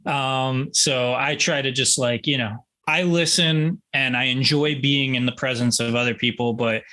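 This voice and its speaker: A man's voice: mid-range voice, fairly even intonation, measured pace, bright, forceful tone. A male guitarist answering interview questions in a rambling, self-deprecating way with many restarts. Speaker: guitarist guest.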